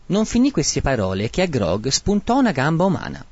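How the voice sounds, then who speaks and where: Lively man narrating a bawdy comic tale. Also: fairly high pitch, brisk, no echo. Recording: dry, dull lo-fi recording.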